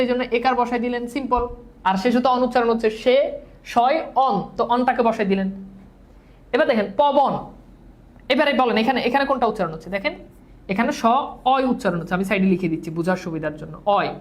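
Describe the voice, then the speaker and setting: A woman with a slightly high voice teaches grammar in a classroom lecture. She leads students through call-and-repeat drills and drops English words into her explanations. She corrects her own slips patiently as she goes. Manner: mixes English words into speech.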